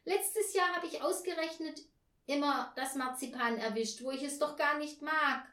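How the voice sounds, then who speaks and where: A woman voicing an excitable, sulky young boy in a storybook reading, high and whining, recorded in an echoey room. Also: moderate pace. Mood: whiny.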